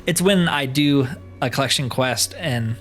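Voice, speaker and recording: A slightly hoarse man giving casual, chatty gameplay commentary with wry asides. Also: mid-range voice, measured pace, fairly bright tone, faint music behind. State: slightly hoarse, losing his voice. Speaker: let's player.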